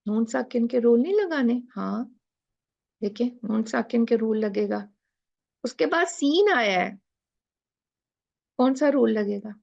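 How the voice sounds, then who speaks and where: A woman's voice: on the high side, animated, slow pace, gravelly, pauses often, a little mellow, muffled recording. A woman teacher explaining recitation rules in a class, asking questions and drawing out letter sounds. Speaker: tajweed teacher.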